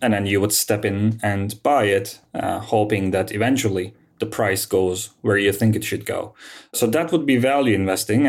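A man in his thirties from Turkey, a fund manager answering interview questions in a measured, explanatory way with frequent fillers. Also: lowish voice.

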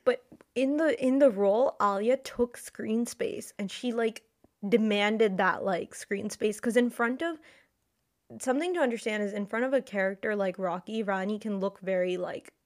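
A woman's voice: medium pitch, normal speed. A woman co-hosting a film podcast, chatting casually and animatedly, with many fillers. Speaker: podcast co-host. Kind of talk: casual chat.

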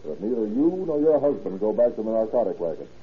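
A male actor playing a gruff, insistent 1930s police captain in a radio crime drama, talking in clipped, tough cop style. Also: on the low side, sing-song, quick pace. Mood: firm. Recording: tinny, noisy old radio recording.

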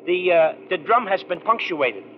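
An actor playing a dim-witted, cheerful cab driver with folksy, ungrammatical, slow-witted talk in 1940s radio comedy. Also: male voice, high voice, expressive. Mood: dim, earnest. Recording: noisy, dull old radio recording.

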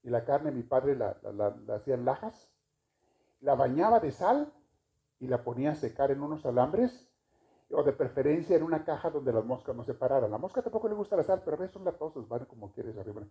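A man's voice: mid-range voice, lively intonation, brisk. A man giving a homily at Mass, chatty and joking, asking the congregation questions. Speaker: priest. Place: church. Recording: dull lo-fi recording.

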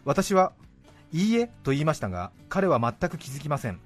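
A man's voice: mid-range voice, quick pace, soft background music. A male radio host in casual studio chat, reading out listener letters and acting out the quoted lines. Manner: lively, reads letters with playful voiced quotes. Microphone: studio microphone.

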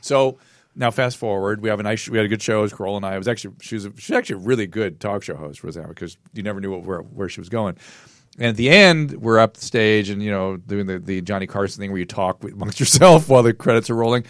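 A man's voice: on the low side, fast talker, dry recording, studio quality. A middle-aged man hosting a podcast, telling anecdotes in a casual chat with many restarts and quoted voices. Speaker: podcast host.

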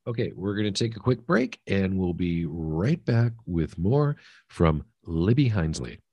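A man hosting a podcast interview, talking in a relaxed conversational way with self-deprecating asides. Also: sits low, measured pace, breathy edge, highs cut off. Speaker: podcast host.

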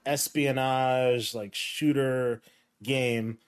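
A man hosting a casual gaming podcast, talking in a relaxed, rambling way. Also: medium pitch, extremely slow, clear, resonant tone. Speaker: podcast host. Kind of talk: casual chat.

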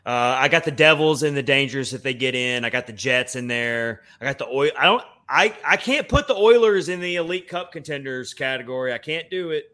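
A man's voice: mid-range voice, animated, fairly quick, hardly any pauses, pushed and bright. A man with a Southern Tennessee accent hosting a casual sports talk show. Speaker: sports podcast host.

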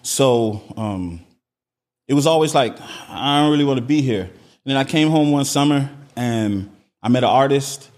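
A young adult man from Miami, a podcast guest telling his backstory in relaxed conversation, often tagging his sentences with "right?". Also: medium pitch, moderate pace. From Miami, Florida. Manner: laid-back, peppers speech with "right?". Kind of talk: casual conversation.

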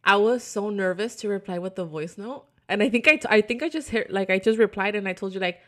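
A woman's voice: medium pitch, quick pace, a bit bright. A woman hosting a podcast in casual chat, rambling and swearing freely as she tells a story. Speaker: podcast host.

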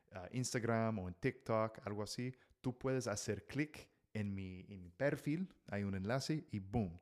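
An adult, married man hosts a casual solo podcast for language learners, chatting freely with lots of fillers, restarts, self-corrections and Mexican slang. His voice is on the low side with a darkish tone.

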